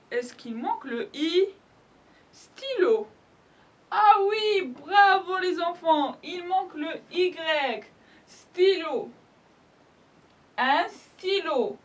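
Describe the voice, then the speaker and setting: A woman teacher with an Algerian accent leads a French lesson for small children. Her voice sits very high and moves up and down expressively. She spells out each letter patiently and praises the class often. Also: lively intonation, drawn-out words, long pauses. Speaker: primary school French teacher. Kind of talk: slow, clear spelling lesson for young children.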